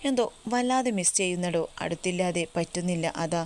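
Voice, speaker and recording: A woman reading a soft-spoken young man in love. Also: high voice, brisk, slight background noise. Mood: tender. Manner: hushed, tender.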